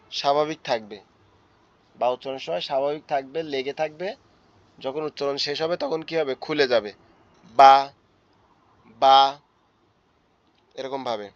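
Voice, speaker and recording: Man, hoarse voice, slow repetitive drilling, online Quran lesson, dull lo-fi audio. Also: mid-range voice, no room sound. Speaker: Quran teacher. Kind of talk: online tajweed class. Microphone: online class audio.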